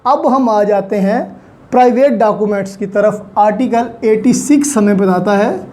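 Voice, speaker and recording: Her voice is mid-range and dark, at a moderate pace. This Pakistani-accented law teacher delivers an online lecture step by step, asking and answering her own questions and using plenty of English terms.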